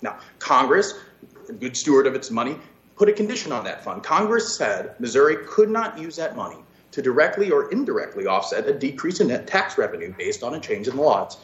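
Animated male attorney in an echoey room. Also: mid-range voice, a little fast. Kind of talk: oral legal argument. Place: echoey room on a virtual hearing. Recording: echoey, dull video-call audio.

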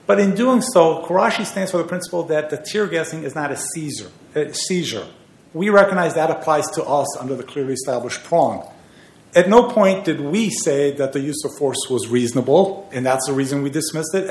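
A man's voice: a little high, expressive, brisk, a little mellow. A man arguing a case as an attorney before an appeals court, earnest and emphatic. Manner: earnest, emphatic legal argument. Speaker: appellate attorney. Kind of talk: oral argument before a court. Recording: echoey courtroom.

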